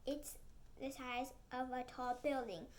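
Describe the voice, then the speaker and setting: A woman's voice: high-pitched, fairly even intonation, unhurried, darkish tone, a little hiss or hum. A woman reading a chapter book aloud, with small slips and acted sound effects. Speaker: storybook reader.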